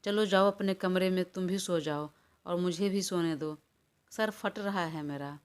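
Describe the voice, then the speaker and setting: A woman's voice: on the low side, measured pace, clear, resonant tone, lightly acted. A woman voicing an exasperated young man. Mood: weary. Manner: exasperated, pleading for rest. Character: irritated, weary young man. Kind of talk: audiobook character voice.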